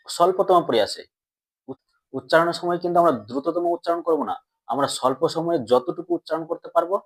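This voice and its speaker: Husky-voiced man teaching a grammar lesson. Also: fairly high pitch. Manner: asks students questions and answers them himself; drawn-out slow syllable-by-syllable pronunciation.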